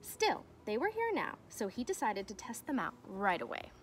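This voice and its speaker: A young adult teacher reads a children's storybook aloud to her pupils, outdoors in a fenced backyard with noticeable ambient noise. Her voice is a little high and her pace moderate. She tells the story expressively, with emphatic swells.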